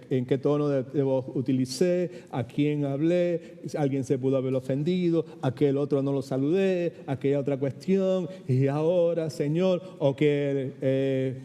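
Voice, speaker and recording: A male pastor preaching a sermon in an animated way, often dropping short English phrases into his talk. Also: fairly high pitch, clean tone. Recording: long hall reverb.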